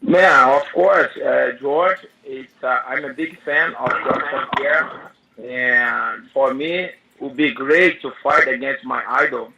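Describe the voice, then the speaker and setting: A man's voice: mid-range voice, slow, vocal fry, dull audio, very noisy. A man interpreting answers in the first person on a press conference call, heard over a speakerphone line.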